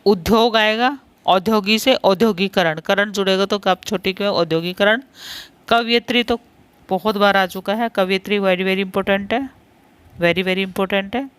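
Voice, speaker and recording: In a Hindi spelling lesson, a woman with a mid-range voice pronounces every word and then repeats it. She patiently highlights the important ones.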